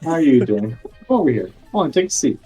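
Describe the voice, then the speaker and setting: A man's voice: medium pitch, very animated, quick pace, dull audio, over music, voice pushed up, lightly acted. A man voicing a hooded, broad-shouldered male gunman in a tabletop game, muttering dryly under his breath.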